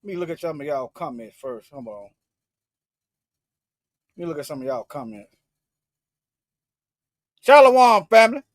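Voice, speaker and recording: A man preaching fervently in a livestream, repeating himself and restarting phrases, swinging between loud emphatic bursts and low asides. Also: big pitch swings, normal speed, pauses often, no room sound. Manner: fervent, repetitive, with frequent restarts. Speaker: online Bible teacher.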